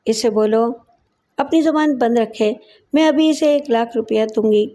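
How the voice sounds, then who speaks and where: A frightened rich lady speaks anxiously from behind a door in an audio story, voiced by a woman narrator. Her tone is mellow and slightly high. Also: close to an everyday voice. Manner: anxious, hiding, pleading.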